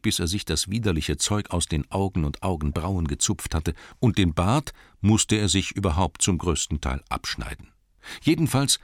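A man narrating a storybook in an expressive, lively way, with asides to his listeners. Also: deep voice, dry recording, clean studio sound. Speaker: audiobook narrator.

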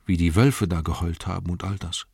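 A man's voice: sits low, fairly even intonation, a little fast, vocal fry, darkish tone, slightly rough, no echo, studio quality, exaggerated voice. A man voicing a humble, loyal hobbit servant who speaks politely and earnestly, in a storybook reading.

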